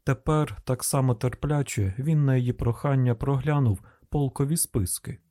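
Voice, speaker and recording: Brief: male audiobook narrator, steady reading, mellow tone, dry close mic. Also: medium pitch, moderate pace, no echo. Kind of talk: scripted narration.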